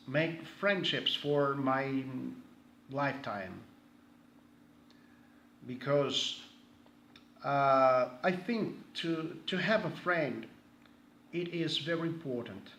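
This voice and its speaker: A Brazilian man whose first language is Portuguese gives a casual self-introduction to a group, speaking slowly and haltingly, searching for words and often restarting. His mid-range voice is a bit bright, and the echoey room carries faint ambient noise.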